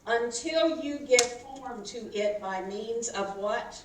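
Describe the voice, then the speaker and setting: A woman in her fifties, a minister giving a sermon, animated and calling for responses from the congregation. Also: fairly high pitch, slow pace, a crowd in the background. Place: church sanctuary. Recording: echoey hall, mic from far off, faint noise.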